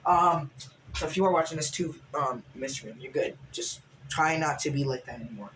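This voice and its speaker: Vlogger guy, slightly high voice, rambling storytime with restarts, faint noise behind. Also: brisk, a bit bright. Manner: rambling, lots of restarts and fillers. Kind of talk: casual storytime recap.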